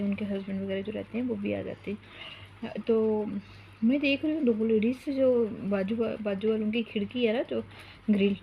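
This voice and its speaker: A young woman chats at home in a rambling, casual vlog voice. Her tone has a gravelly fry at its edges. Faint background noise sits under her talk. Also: on the high side, muffled recording. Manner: chatty, rambling, breaks off to coax her toddler. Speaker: mom vlogger.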